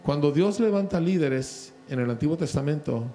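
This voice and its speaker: A man's voice: on the high side, animated, moderate pace, mellow. A Mexican man in his sixties preaching a sermon at a pastors' conference, speaking conversationally and often asking listeners whether they follow. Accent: Mexican Spanish. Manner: conversational preaching, asks the crowd for agreement. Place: church conference stage.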